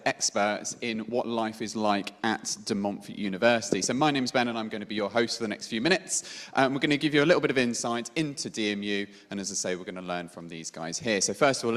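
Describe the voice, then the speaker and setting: A man hosts a student panel in a casual, chatty way, at a middling pitch. His voice carries a long echo in a large hall. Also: fairly bright tone. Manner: casual, friendly, with fillers. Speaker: panel host.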